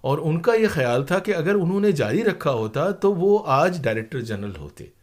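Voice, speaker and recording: Here an older Indian broadcaster and playwright, guesting on an interview, spins conversational anecdotes full of digressions and acted-out quotations. He talks at normal speed in a fairly high voice with big pitch swings.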